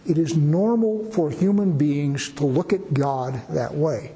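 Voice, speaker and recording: A man preaching in a blunt, emphatic way, hammering points home by repeating phrases. His voice sits high yet sounds dark and mellow. It rings with a long reverb. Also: a little slow, slight background noise. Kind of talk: preaching commentary.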